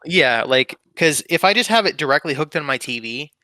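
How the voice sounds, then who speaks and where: A young man rambling through casual podcast chat, swearing freely and taking his time. His voice is very bright and sharp. It comes through smooth and crisp, recorded close and dry. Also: fairly high pitch, expressive, fairly quick, no room sound. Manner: rambling, profane, laid-back. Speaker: podcast co-host.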